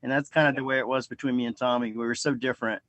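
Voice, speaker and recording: Easygoing male guest, dry close sound, mid pitch. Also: fairly even intonation, racing, fairly bright tone, no room sound. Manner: easygoing, laid back. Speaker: guest guitarist. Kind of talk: casual interview chat.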